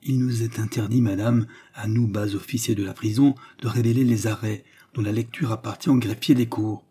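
Brief: nervous old-regime jailer calming an angry prisoner, low and husky, read by a man. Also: moderate pace. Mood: soothing. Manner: soothing, hesitant. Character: cautious middle-aged male prison concierge.

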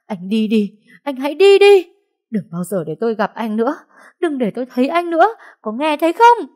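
A woman's voice: fairly low pitch, moderate pace, mellow, slightly rough. A woman voicing a grief-stricken young mother in an audiobook, crying out and pleading. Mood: frantic. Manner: screaming, sobbing pleas. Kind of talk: audiobook dialogue.

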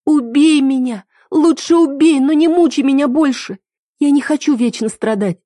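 A woman voicing a desperate young woman in love, pleading in high, strained, near-shouted lines. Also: moderate pace, slightly rough, no echo, studio quality, lightly acted. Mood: distraught.

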